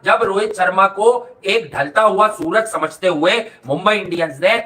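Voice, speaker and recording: A man's voice: sits high, unhurried, bright, forceful tone. A man talking cricket bluntly and chattily, often exclaiming. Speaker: cricket pundit. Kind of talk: casual cricket talk.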